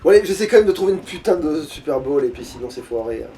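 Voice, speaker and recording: A man's voice: fairly high pitch, animated, fast talker, mellow, soft background music. A young man giving casual, sweary commentary as he plays a video game.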